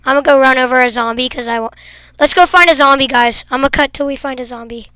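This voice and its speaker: A young woman with a high, bright voice gives goofy, teasing commentary while she plays a game. She jokes with her teammates and now and then bursts into excited shouts. The sound is close and dry, with no room around it. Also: fast, clean tone, dry recording. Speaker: gaming video creator. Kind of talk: playful gameplay commentary.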